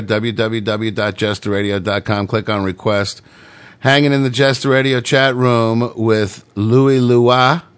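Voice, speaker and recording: A man's voice: fairly low pitch, clean tone. A man hosting a comedic internet radio show, talking in a playful, rambling, mock-grandiose way.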